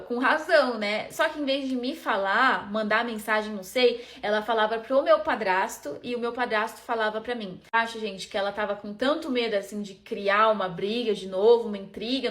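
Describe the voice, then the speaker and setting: A young woman from Brazil casually telling her life story to camera in an emotional, animated way. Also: on the high side. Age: young adult. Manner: animated, emotional retelling with acted-out quotes. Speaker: vlogger.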